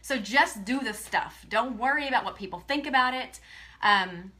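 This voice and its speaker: A woman's voice: on the high side, normal speed, bright, forceful tone. A woman from Texas, talking earnestly to her viewers in a live video, emotional and often close to tears. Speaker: direct sales presenter. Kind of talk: tearful motivational live video.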